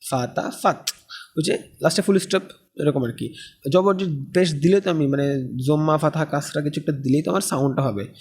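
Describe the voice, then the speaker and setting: A man's voice: on the high side, darkish tone, slight background noise. A man teaching an Arabic course, explaining step by step and often checking with questions. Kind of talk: recorded lesson lecture.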